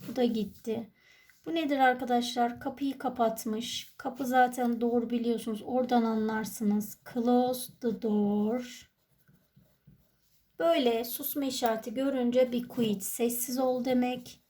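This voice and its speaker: Turkish woman teacher, high voice. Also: level tone, moderate pace, mellow. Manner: explains step by step, asking and answering her own questions. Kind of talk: exam walkthrough lesson.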